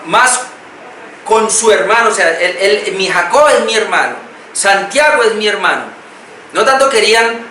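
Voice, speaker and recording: A Colombian man preaches a sermon in a fairly high, bright voice. He explains his point step by step and repeats key phrases. The recording is roomy and a little distant, with faint noise behind him. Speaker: pastor.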